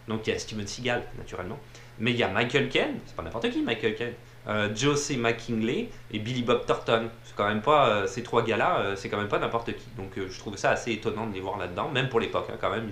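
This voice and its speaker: With a fairly low, fairly bright voice, a man rambles through a casual review of films, full of fillers and repeated words. A TV plays behind him, and the room gives a roomy echo with faint ambient noise.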